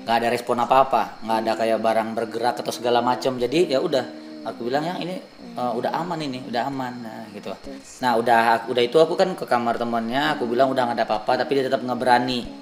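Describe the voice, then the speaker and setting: A man's voice: mid-range voice, fast talker, a crowd in the background. A young man from Indonesia telling a ghost story to the camera in a casual vlog, acting out the voices of the people in it. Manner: animated storyteller, acts out quoted voices. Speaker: vlogger.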